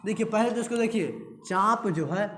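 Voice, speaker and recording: Guy teacher with a high voice going over grammar, keeps repeating, echoey room w/ light hiss. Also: normal speed, a bit bright. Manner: repetitive drilling, asks and answers own questions. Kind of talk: classroom lecture.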